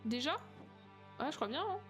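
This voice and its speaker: A woman's voice: high-pitched, very animated, moderate pace, a bit bright, faint music behind. A young woman streaming a game, chatting casually, hesitant and reading game text aloud. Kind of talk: casual let's-play chat.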